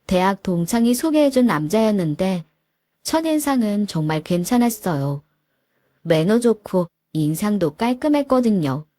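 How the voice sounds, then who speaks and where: A woman in her forties tells her story in a calm, confiding first-person narration. Her voice is mellow and warm-toned at a middle pitch, and the recording is dry and close. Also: no room sound. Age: 40s.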